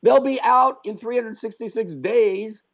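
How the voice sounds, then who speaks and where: A man's voice: very high voice, unhurried, a bit bright. Sardonic man hosting political talk radio. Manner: sardonic, opinionated.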